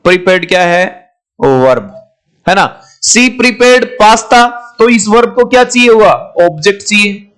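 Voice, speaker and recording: Guy, high voice, lecturing students on grammar, keeps calling them my children. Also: lively intonation, normal speed, a bit bright, clean tone. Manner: repeats questions to students, calls them "my children". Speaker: English teacher. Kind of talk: classroom lecture.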